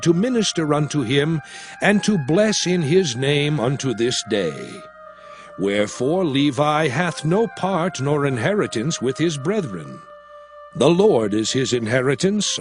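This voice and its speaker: For a dramatized scripture recording, a man plays a solemn prophet exhorting his people. He uses a measured, declamatory delivery at a medium pitch.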